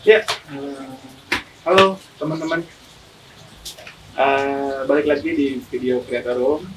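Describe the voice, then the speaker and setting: A man's voice: medium pitch, slow, loud music behind the voice. A man hosting a casual podcast interview, speaking slightly muffled through a face mask. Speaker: podcast host. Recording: distant mic, clearly noisy room.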